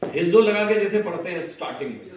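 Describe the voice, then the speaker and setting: A man teaching a class, switching between Hindi and English, quizzing his students and stretching words out slowly. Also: high-pitched, lively intonation, a little mellow, a little hiss or hum. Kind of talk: classroom lecture. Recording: echoey classroom, far from the mic.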